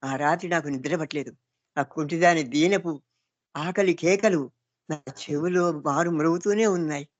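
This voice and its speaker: A woman's voice: deep voice, moderate pace, no echo, highs cut off. A woman narrating a story in the first person, reflective and earnest, often asking rhetorical questions.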